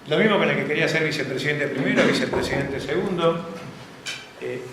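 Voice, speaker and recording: A guest lecturer with an Argentine Spanish accent delivers an open class, his male voice fairly high and a bit bright. He tells anecdotes and keeps checking whether the audience is following him. The classroom is very echoey, with faint background noise.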